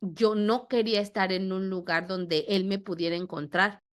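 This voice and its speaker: A woman in her thirties or forties with a Mexican accent, a podcast guest telling a personal story in a lively way that acts out the dialogue. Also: medium pitch, moderate pace. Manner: animated, acts out dialogue with repetitions.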